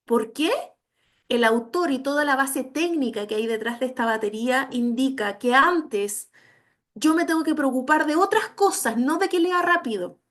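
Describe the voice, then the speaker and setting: This woman's voice sits high with lively intonation at a moderate pace as she gives an instructional online lecture on educational assessment. Emphatic throughout, she often uses tag questions to confirm the audience is keeping up.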